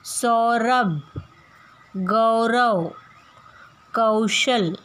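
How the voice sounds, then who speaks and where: Female primary teacher, higher voice, very slow and deliberate, models each sound clearly. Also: a bit bright. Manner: repeats and stretches words to model pronunciation. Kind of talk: slow, careful phonics lesson.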